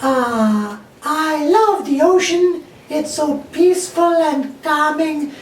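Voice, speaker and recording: A woman voicing an excitable, easily exasperated female sock puppet in an amateur comic skit, with theatrical sighs. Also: high voice, slow. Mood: dreamy. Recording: echoey room, distant mic, faint noise.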